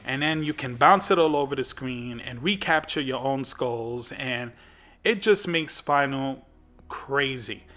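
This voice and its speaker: A man's voice: medium pitch, lively intonation, unhurried, bright, forceful tone. A man hosting a gaming channel, giving casual commentary on a fighting game, rambling with lots of fillers and restarts.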